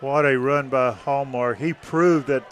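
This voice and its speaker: A man giving radio color commentary on a high school football game, chatty and explaining plays. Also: steady tone, unhurried. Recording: stadium crowd in background.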